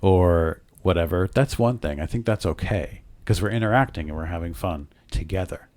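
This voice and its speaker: A man with a low, darkish voice speaks at normal speed, co-hosting a casual podcast with his partner at home, where dogs sleep in the room. He argues his point earnestly and reads the show plugs upbeat. The audio has no echo.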